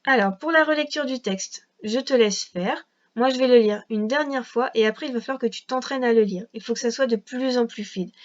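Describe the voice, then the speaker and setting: A woman's voice: on the high side, highs cut off. A woman teacher guiding a young child through a reading lesson at a patient, carefully articulated pace. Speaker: first-grade teacher.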